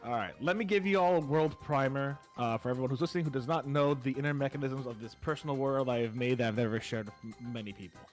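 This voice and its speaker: A game facilitator runs a tabletop story game on a voice call, casually explaining the rules and reading the world lore in a solemn storybook tone. His mid-range voice is fast with hardly any pauses, and soft music plays in the background.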